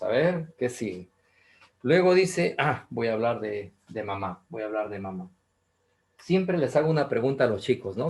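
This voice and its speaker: Teacher repeating key points. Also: male voice, medium pitch, darkish tone, low-quality recording. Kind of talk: online class lecture.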